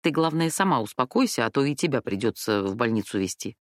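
A woman reading an audiobook voices a calm, steady adult woman friend with a deep, well-trained chest voice. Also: fast, no room sound, studio quality. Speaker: rehearsing performer.

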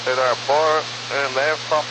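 A man's voice: mid-range voice, flat delivery, slow pace. Man on a crackly, very noisy radio. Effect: crackly aviation radio. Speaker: aviation radio speaker. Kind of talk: clipped aviation radio phraseology.

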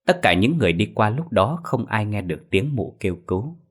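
A man narrating a scripted ghost story in a measured, ominous way. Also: on the low side, sing-song.

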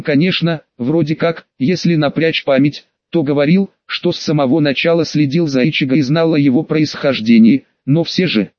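A man reads a first-person audiobook in a steady storytelling way. His voice is fairly high and dry, with no room sound. The recording sounds dull and lo-fi. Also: no echo. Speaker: audiobook reader.

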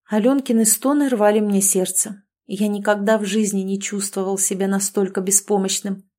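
A woman reading a story aloud in the first person, with a mid-range voice. She tells it as an anxious, wry inner monologue, full of worry and self-mockery. It is a steady audiobook-style reading. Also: medium pitch, normal speed. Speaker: audiobook narrator.

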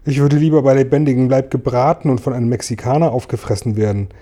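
A man's voice: mid-range voice, fairly quick, mellow, close to an everyday voice. A man voicing a worried grasshopper in a storybook reading, talking in a fretful way.

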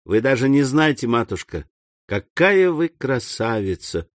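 A man's voice: medium pitch, big pitch swings, unhurried, no echo, clean studio sound. A man reading the part of an earnest young man who speaks fervently to his mother in an audiobook. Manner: fervent, eager, raising his voice on key words. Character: earnest young man, devoted proud son.

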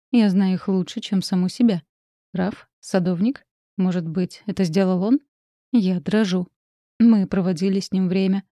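Brief: woman audiobook narrator, measured and tense, warm dark tone. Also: medium pitch, no echo, clean studio sound. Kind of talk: first-person audiobook narration.

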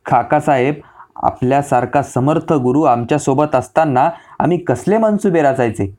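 A man's voice: medium pitch, moderate pace, a little mellow, natural voice. A male narrator voicing a respectful, eager young nobleman who addresses his elder uncle deferentially in an audiobook.

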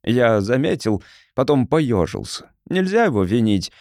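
A man reads an audiobook as a first-person folksy tale, with an easy, storytelling manner. His intonation rises and falls animatedly at a middle pitch. The recording is dry and close-miked. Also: very animated, unhurried, a little mellow, dry recording. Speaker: audiobook narrator.

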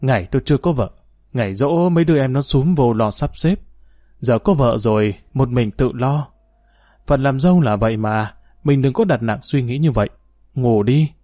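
Poor young husband, tender and sighing, in the narrator's own voice. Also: male voice, mid-range voice, lively intonation, normal speed, dark tone, no room sound, studio quality, natural voice. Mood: tender worried.

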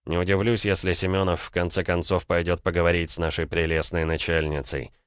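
A man voicing a calm young man who speaks with dry amusement. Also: low-pitched, brisk, smooth, no echo, muffled recording, lightly acted. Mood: wry.

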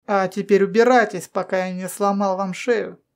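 A woman's voice: mid-range voice, steady tone, moderate pace, a little mellow, lightly acted. A woman voicing a male doctor who speaks sarcastically in an audiobook. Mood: threatening.

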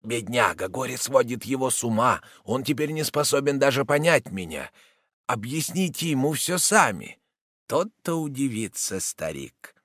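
A man reading as a scheming Jesuit in an audiobook, falsely humble and sly. His voice turns soft and slow as he whispers his asides. The sound is dry and close. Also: sits high, dry recording, pitched above the performer's own voice.

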